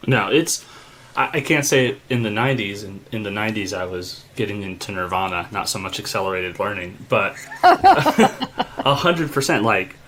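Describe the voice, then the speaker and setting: A man co-hosting a casual podcast, relaxed and quick to laugh. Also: fairly low pitch, a little hiss or hum. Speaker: podcast co-host.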